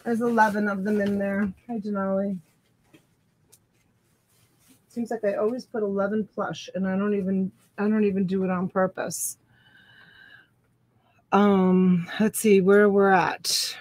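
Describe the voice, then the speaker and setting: A middle-aged woman hosting a live online auction from a room at home, counting items and calling bids slowly on a webcam. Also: mid-range voice, level tone, darkish tone.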